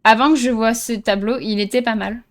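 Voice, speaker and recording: A woman with a slightly high voice talks a little fast and with fairly even intonation while commenting on a horror game she's playing. Her let's-play banter is joking and self-deprecating, and she sometimes trips over read-out text.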